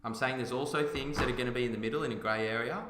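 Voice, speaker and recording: A podcast host with a mid-range, steady, slightly bright voice talks rapid-fire, with a little hiss or hum on the recording. In a roomy, echoey room, he shares opinions casually but emphatically and argumentatively.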